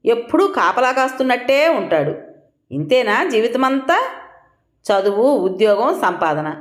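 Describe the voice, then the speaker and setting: Female storyteller for a scripted family audio drama; expressive, animated delivery, roomy sound. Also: medium pitch. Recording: roomy echo.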